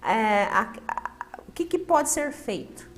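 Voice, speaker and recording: A woman's voice: a little high, expressive, takes it slowly, a little hiss or hum. A woman with a Brazilian accent hosting an interview. She asks questions and often tags her sentences with "né?". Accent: Brazilian Portuguese. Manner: affirming, frequent tag "né?". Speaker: interviewer host. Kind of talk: interview with affirming comments.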